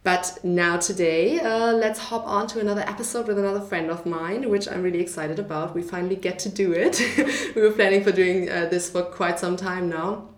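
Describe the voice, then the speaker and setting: A woman hosting a casual podcast interview, chatty and quick to laugh, with many fillers. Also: on the low side, fairly even intonation, reverberant. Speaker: podcast host.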